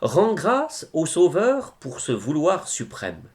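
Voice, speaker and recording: A man recites devotional poetry solemnly, his phrasing measured and expressive, with pauses. His voice sits a little high.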